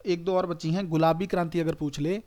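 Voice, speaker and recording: A man's voice: on the high side, fairly even intonation, brisk, a little mellow. A male exam coaching teacher, giving a recorded online lecture in a conversational, repetitive way, often checking "okay" and telling students to write things down. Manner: addresses students directly, urging them to note things down.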